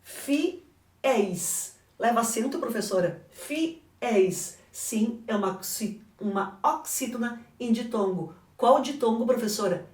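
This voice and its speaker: This female teacher's voice is fairly high, darkish, and animated, and she moves at a slow pace. With a Brazilian Portuguese accent, she works through an exam correction didactically, answering her own questions, captured at a distance in an echoey space.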